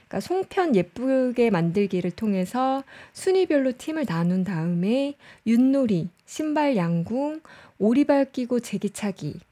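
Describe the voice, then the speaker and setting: A woman's voice: a little high, warm tone. A woman casually commenting on show clips, chatty and often laughing as she explains. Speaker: host reviewing show clips.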